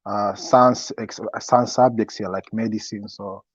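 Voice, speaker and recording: A young man in a casual interview, giving advice as a student guest in a halting way, often repeating his words. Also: fairly low pitch, steady tone, husky. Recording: echoey, dull lo-fi sound.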